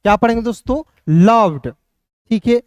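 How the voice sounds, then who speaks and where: A man's voice: very high voice, fairly quick, a little mellow, clean tone, dry recording, highs cut off. A man teaching beginner English phonics, asking and answering his own questions over and over.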